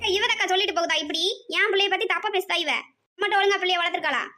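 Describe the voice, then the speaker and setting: A woman voicing a scolding village farmhand mother with a Tirunelveli Tamil accent, who talks fast and sharply. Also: very high-pitched, sharp tone, faint music behind. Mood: angry. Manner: quick, scolding.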